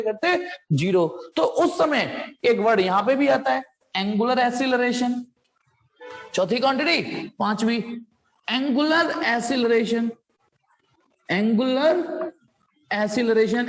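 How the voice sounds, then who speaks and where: A man teaching a physics class, mixing Hindi with English terms and asking his students questions before answering them himself. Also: very high-pitched. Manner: playful asides, sound effects.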